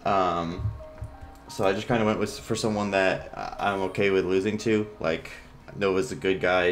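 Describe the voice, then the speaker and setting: A man doing casual, halting game commentary in a low-key, rambling way, his speech slightly impeded by a sore, swollen mouth. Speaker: gamer commentating an online battle. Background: game music.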